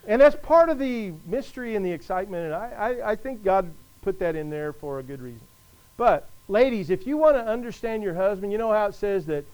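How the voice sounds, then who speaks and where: A man preaching a sermon to his congregation, emphatic, with conversational asides, slowing down to stress the verses he quotes. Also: high voice, clean tone, poor audio. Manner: emphatic, rises and drops in volume, slows to stress scripture.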